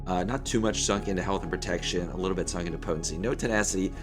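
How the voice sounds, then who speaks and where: Hoarse guy doing casual game commentary, deep voice, bit of music behind him. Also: very fast. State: hoarse, losing his voice. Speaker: gaming video host. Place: small room indoors at a desk.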